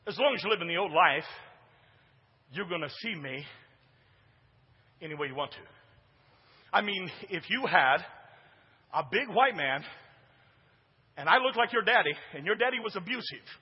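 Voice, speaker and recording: This male pastor, preaching a sermon in a church sanctuary, speaks at normal speed with frequent pauses and an expressive delivery. His booming, high, husky voice dips into quiet asides and climbs to shouts as he draws out the congregation. Long reverb lingers behind the dull, muffled sound.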